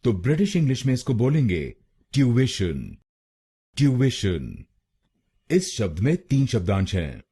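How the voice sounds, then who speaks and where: Male Indian pronunciation tutor, lively pitch, drills words syllable by syllable. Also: slightly rough. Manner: slow, deliberate, repeating words syllable by syllable. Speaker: pronunciation teacher. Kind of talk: Hindi pronunciation lesson.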